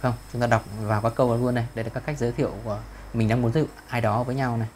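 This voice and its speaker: A man teaching English over a video call with a Vietnamese accent, explaining in Vietnamese and slowly modelling English phrases. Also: mid-range voice, flat delivery, darkish tone, slight background noise. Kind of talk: one-to-one online lesson, explaining in Vietnamese.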